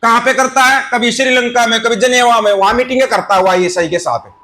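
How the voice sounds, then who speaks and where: A man's voice: very high voice, steady tone, fairly quick, sharp tone. A man doing a political commentary vlog, reading news items aloud and scolding their authors, calling his viewers brothers.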